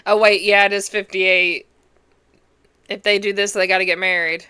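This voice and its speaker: Woman reaction host, hoarse and congested, sassy running commentary, bright voice, faint noise behind. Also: medium pitch, level tone, normal speed. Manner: chatty, sassy, talks back at the screen.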